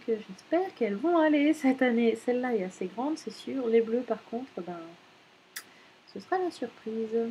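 A woman's voice: a little high, warm tone, a little hiss or hum, poor audio. A woman in her thirties chatting casually at home as a knitting vlogger, rambling with many fillers and self-corrections. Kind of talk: casual chat.

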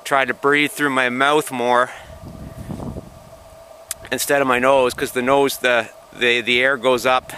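A man's voice: mid-range voice, little pitch movement, slow, pauses often, pushed and bright, poor audio. A man talking through a face mask outdoors on a windy frozen lake, narrating casually into a handheld camera, rambling and restarting as he explains. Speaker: outdoors vlogger. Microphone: handheld camera mic.

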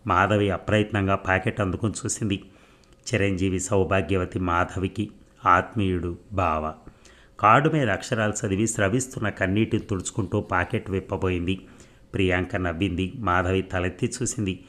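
A man narrating a novel serial as an audiobook in a steady storytelling delivery. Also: low voice, normal speed.

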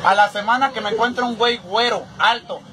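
A young man with a Mexican accent performing a silly clown comedy monologue, projecting loudly as he tells stories to bus passengers. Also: sits high, fast. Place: inside a city bus at night. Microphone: audience phone from a few seats away. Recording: noisy moving bus, passengers, phone recording. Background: vehicle noise and crowd.

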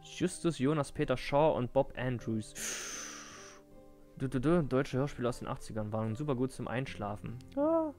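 A man in his twenties streaming a game, chatting casually in soft, rambling asides with restarts. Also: mid-range voice, sing-song, normal speed, faint music behind. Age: 20s. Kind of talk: casual live-stream chat.

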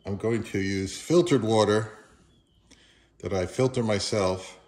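Speaking a little slowly in a fairly low, darkish voice, a man in his fifties keeps things casual and offhand, much like a home product review vlogger. He hosts the channel, collects records, and is recorded at home in the living room and kitchen.

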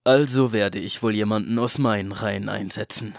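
A man's voice: lowish voice, fairly even intonation, normal speed, creaky, no echo, studio quality. A man playing a cold, smug middleman. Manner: clipped, commanding, coolly threatening. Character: cold scheming male middleman, smug and menacing. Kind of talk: audiobook drama acting.

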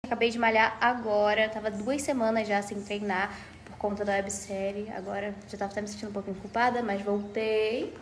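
A woman's voice: medium pitch, level tone, brisk, slight background noise. A young woman vlogger talking casually to her followers in a gushing, chatty way. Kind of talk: casual phone stories.

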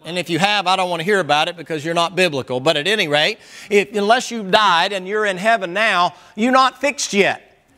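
Man, high voice, forceful tone, folksy joking sermon. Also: a little fast. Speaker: Sunday school preacher.

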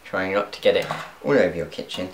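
This young cooking vlogger talks fast and expressively in a deep voice, joking about his mistakes and addressing viewers from his home kitchen. Background noise, room echo and the faint clatter of pans come through.

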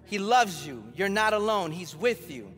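A man's voice: high voice, very animated, unhurried, a bit bright, big-room sound, soft background music. A man in his thirties preaching a sermon, emphatic and building with repeated phrases, telling a story from his own family life. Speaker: pastor. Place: church sanctuary.

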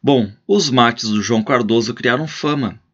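A man's voice: mid-range voice, measured pace, fairly bright tone. Male teacher explaining a story. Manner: explanatory, frequent tag questions. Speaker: literature teacher. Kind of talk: literature lesson, reading and explaining a story. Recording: slightly muffled lo-fi recording.

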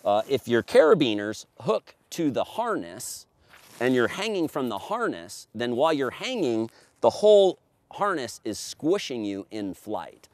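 A man's voice: mid-range voice, sing-song, measured pace, dry recording. A middle-aged man who deals in paramotors gives an enthusiastic product walkthrough outdoors on a grassy field, recorded by a camera on a tripod. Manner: enthusiastic, emphatic salesman. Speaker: paramotor dealer.

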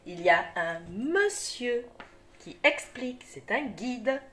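Woman, teacher, slow, clear reading lesson for small children, lively pitch, encouraging. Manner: patient, encouraging, addresses the child directly. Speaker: primary school teacher.

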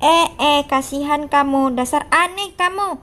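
A woman's voice: sits high, a little slow, a bit bright, pitched below the performer's own voice. A woman voicing mean, teasing schoolkids in a game role-play. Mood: mocking. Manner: teasing, mocking.

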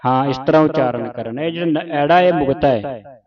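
A male recitation teacher with a fairly high voice chants each verse slowly, stopping to correct pronunciation in brisk asides. He sounds distant, set back from the microphone on a dull recording, with a group of students gathered around him. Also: a crowd in the background. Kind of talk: line-by-line recitation lesson with corrections.

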